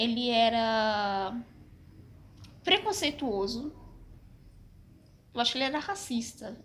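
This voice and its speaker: Frank but halting, a young woman with a Brazilian Portuguese accent restarts again and again as she tells a casual personal story to camera as a vlogger, with a slight cough. Her voice is fairly high and fairly bright.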